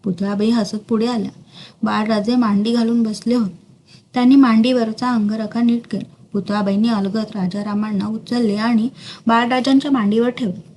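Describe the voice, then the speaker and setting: A woman's voice: on the high side, fairly even intonation, moderate pace, mellow, a little hiss or hum. A woman steadily reading a historical novel aloud as narrator.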